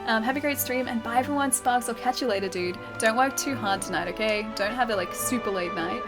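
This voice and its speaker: Over background music, a woman from Western Australia plays a game on stream, her slightly high voice moving a little fast. She talks casually with viewers in an Australian accent, often laughing and replying to chat.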